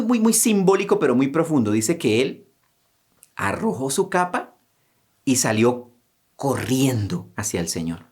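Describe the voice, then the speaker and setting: A man preaching a sermon as pastor. He asks rhetorical questions, checks in with short "mm?" and "right?" tags, and breaks into dramatic raised cries when he acts out pleas. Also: on the high side.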